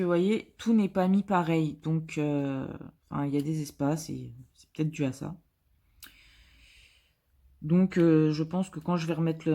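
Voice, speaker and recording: A woman's voice: on the low side, mellow. A woman vlogger chatting casually while she works on a craft, hesitant, with many filler sounds and restarts, and joking at her own expense. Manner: chatty and self-mocking. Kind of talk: casual chat while diamond painting.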